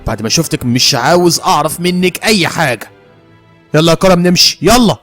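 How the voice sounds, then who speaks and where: Man doing a bitter Egyptian police officer, raised voice, middle pitch with a quiet music bed. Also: fast, close to an everyday voice. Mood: angry. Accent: Egyptian Arabic. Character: police officer, a young man, angry and hurt.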